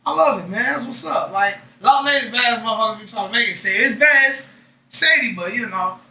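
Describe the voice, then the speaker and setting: Loose-talking man in his thirties, high voice. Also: fast talker, pushed and bright, roomy sound, far from the mic. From Lawton, Oklahoma. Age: 30s. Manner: loose, profane street talk. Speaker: podcast host. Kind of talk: casual interview chat.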